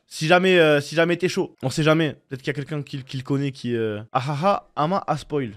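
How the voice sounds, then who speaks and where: A man from France streaming live, chatting casually and rambling in slang to his viewers. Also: on the high side. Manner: slangy, rambling, talks to chat.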